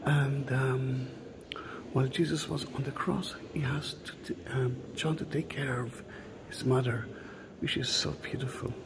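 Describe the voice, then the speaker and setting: A middle-aged man giving an unhurried walking tour of a large stone church, musing aloud and often dropping to a hushed whisper. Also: mid-range voice, steady tone, background noise. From Israel. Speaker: tour guide. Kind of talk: walking video tour narration.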